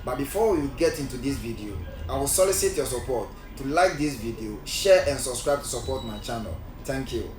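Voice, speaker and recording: A man's voice: medium pitch, animated, brisk, few pauses, darkish tone. Friendly male host-interviewer; distant, roomy recording with music. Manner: friendly, repeats his words. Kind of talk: casual interview. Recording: echoey room from far off with music.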